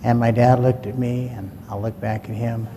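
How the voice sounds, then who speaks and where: In a folksy, plain-spoken way, a man tells a personal story and acts out his dad's words. His voice is medium-pitched and flat, at a moderate pace. The recording carries a long hall reverb and faint ambient noise.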